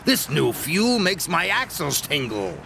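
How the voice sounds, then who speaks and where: A man's voice: a little high, big pitch swings, a little slow, creaky, bright, forceful tone, a little hiss or hum, voice pushed up, full character voice. A man voicing a sly, boastful male diesel engine with a rude, mocking drawl. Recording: music playing behind.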